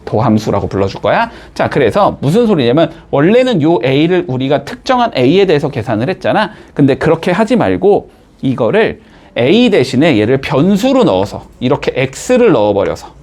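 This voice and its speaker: Man, math teacher, classroom lecture, lively swooping pitch, keeps checking in with students. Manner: checks in constantly with quick rising tags.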